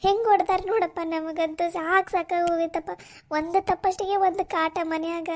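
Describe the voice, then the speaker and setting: A woman's voice: very high voice, steady tone, a little fast, a little mellow. A woman voicing a weary, fretful village wife in a cartoon, speaking. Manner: fretful, repeats "look".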